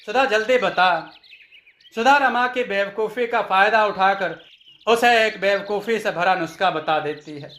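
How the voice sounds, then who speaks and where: A man's voice: high voice, normal speed, bright, forceful tone. Man narrating a storybook tale. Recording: echoey room.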